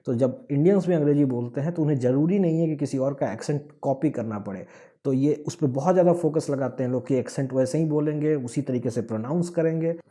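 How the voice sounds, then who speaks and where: A man's voice: medium pitch, fast, warm tone. A man from Bihar with a Bihari accent, giving an earnest explanatory talk point by point. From Bihar, India. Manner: earnest, points listed one by one. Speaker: speaker of a language-awareness movement.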